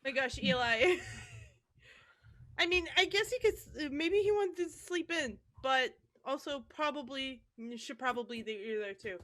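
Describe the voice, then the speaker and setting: A giggly, excitable woman playing a tabletop game in casual improvised role-play. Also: high voice, a little slow.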